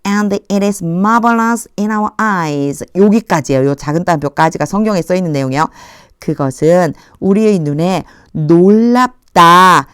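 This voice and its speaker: A woman teaching an English Bible reading lesson. She reads each English phrase slowly, then explains it in a friendly, chatty way. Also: lowish voice, fairly bright tone, clear, resonant tone, no echo, studio quality. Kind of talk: Bible verse translation lesson.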